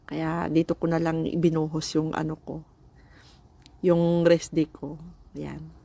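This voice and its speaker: A woman with a Filipino accent chats casually to viewers as a vlogger, sounding nasal and stuffed up from a blocked nose, in an unhurried, chatty way with small exclamations. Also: deep voice, level tone, creaky, warm tone, slightly rough. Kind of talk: casual chat to viewers while showing a DIY planting project.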